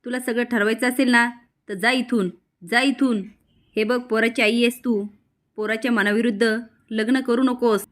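A woman's voice: fairly high pitch, fairly even intonation, moderate pace, natural voice. A woman doing a stern, breathless old grandmother. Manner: stern, commanding.

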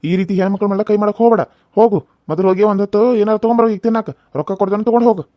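A man's voice: high voice, fairly even intonation, rapid-fire, dark tone, no echo, studio quality, natural voice. A man doing a lecturing village father-in-law. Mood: scolding. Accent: North Karnataka Kannada. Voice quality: lecturing, scolding. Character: scolding fatherly village elder. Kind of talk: cartoon serial voice acting.

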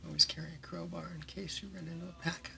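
An actor playing a pushy, smooth-talking young boyfriend in a horror-comedy film, coaxing and slangy. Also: male voice, a little high, level tone, quick pace, sharp tone, exaggerated voice. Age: young adult. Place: inside a parked car.

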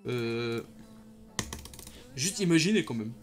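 A young man, giving casual commentary over his own gameplay and reacting loudly to what happens on screen. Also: mid-range voice, slow. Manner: excitable, slangy, reacts loudly to the game. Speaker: gaming YouTuber. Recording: faint music behind.

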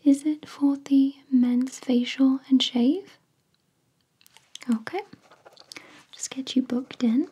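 A woman whispering as a spa therapist in an ASMR roleplay, soft, soothing and attentive as she walks a client through a treatment. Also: sits high, fairly even intonation, slow pace, pauses often, slightly rough.

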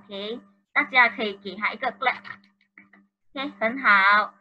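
A woman's voice: on the high side, a little slow, muffled recording. A woman teaching an online primary school class in Malaysian Mandarin, mixing in Malay and English words and coaxing the pupils along. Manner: encouraging, coaxing. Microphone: video call.

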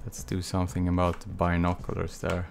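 This time the Swedish streamer speaks fairly quickly, his low voice carrying vocal fry. A man in his thirties with a Swedish accent, he teaches texturing live from a small home studio on a desk mic with webcam, casually chatting and answering viewers between long quiet stretches.

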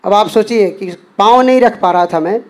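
High-voiced man telling a devotional story. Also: normal speed. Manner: earnest retelling that acts out quoted dialogue. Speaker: devotee sharing a personal experience. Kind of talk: spoken testimony.

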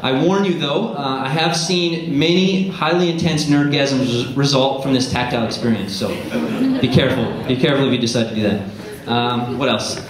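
A man's voice: mid-range voice, a crowd in the background. Man presenting in a very echoey theatre. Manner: self-deprecating, jokey, halting. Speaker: science centre presenter. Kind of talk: informal comedic stage talk. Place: theatre stage before an audience. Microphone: handheld microphone. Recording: echoey theatre PA with audience noise.

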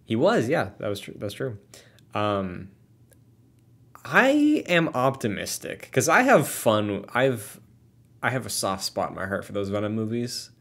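A man's voice: on the low side, sing-song, a little slow, creaky, fairly bright tone. A young man co-hosting a podcast, talking in a chatty, wry way. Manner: chatty and wry, often laughing. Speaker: podcast co-host. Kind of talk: casual chat.

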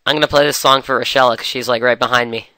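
A young man with a cold, chatting excitedly through a game session. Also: medium pitch, rapid-fire, clear, resonant tone. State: has a cold. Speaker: gamer. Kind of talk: casual game commentary.

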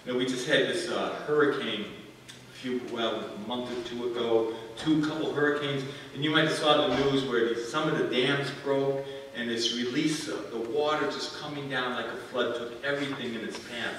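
A man's voice: mid-range voice, fairly even intonation, normal speed, fairly bright tone, slight background noise. Older man preaching in an echoey church. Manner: storytelling, folksy, with restarts. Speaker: guest preacher. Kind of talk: sermon. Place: church sanctuary. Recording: distant echoey church hall.

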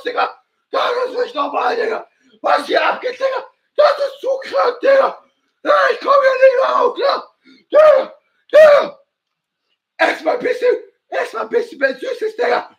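A frantic young fan, shrill and squeaky, swings wildly up and down while he yells slang at the top of his lungs. He sounds gravelly, with a sharp, piercing edge, cracking under the donations in a livestream comedy sketch. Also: exaggerated voice. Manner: shouting slang, repeats "Digga" constantly. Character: hysterical young male fan overwhelmed by donations.

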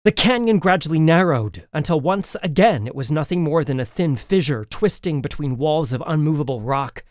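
Male audiobook narrator, fairly high and very animated, dry studio sound. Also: normal speed, dry recording. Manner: expressive, lively storytelling. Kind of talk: first-person audiobook narration.

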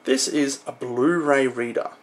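A young man presents a video on camera, walking through computer parts in an informal, explanatory way. His voice is mid-range and his pace a little slow.

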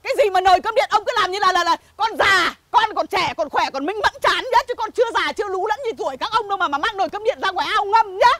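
A village woman curses a thief in a comedy sketch, ranting shrilly and indignantly with rhythmic cursing. She talks fast with hardly any pauses, her tone a bit bright, playing a loud, hot-tempered mother.

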